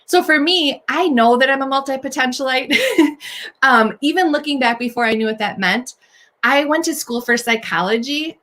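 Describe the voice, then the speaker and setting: Encouraging woman with a bright, high voice. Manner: earnest, encouraging, talks straight to the listener. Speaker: host. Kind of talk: faith-based encouragement talk to women.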